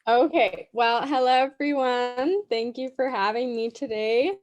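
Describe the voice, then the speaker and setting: A young woman in her twenties presenting as a student over a group video call, friendly and pausing with fillers. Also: a little high, highs cut off. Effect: voice heard over a group video call.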